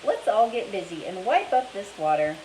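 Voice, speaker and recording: A woman voicing a brisk, no-nonsense mother in a storybook reading. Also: medium pitch, sing-song, darkish tone, a little hiss or hum, lightly acted, poor audio.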